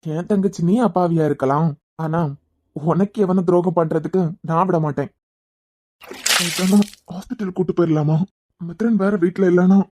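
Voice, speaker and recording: A woman's voice: lowish voice, fairly even intonation, moderate pace, darkish tone, dry recording, lightly acted. A woman voicing a worried young man in a cartoon series, pleading and tender, with a Kanyakumari Tamil accent. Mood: remorseful. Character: anxious young man tending a fainted girl. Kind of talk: cartoon web series voice acting.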